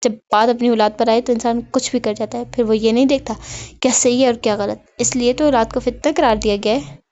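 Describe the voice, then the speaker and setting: Woman reading a calm thoughtful guy, measured and serious, high light voice, muffled sound. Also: close to an everyday voice. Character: calm thoughtful grown man.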